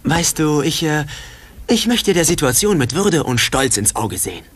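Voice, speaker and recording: A woman's voice: low voice, sing-song, moderate pace, slightly rough, heavily acted. A woman dubbing a self-centered, ambitious teenage boy who talks in an indignant, then pleading way. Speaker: dub actor.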